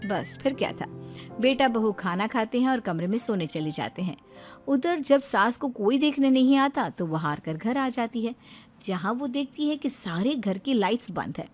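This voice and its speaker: A woman tells a family tale as scripted narration, with a dramatic storybook tone. Her voice sits fairly high, and soft music plays underneath. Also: expressive, normal speed.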